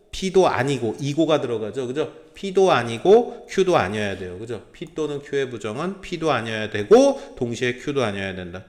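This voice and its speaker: Blunt Korean math tutor, constant tag questions. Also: male voice, medium pitch. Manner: calls for answers with repeated tag questions, blunt slangy asides. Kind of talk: classroom lecture.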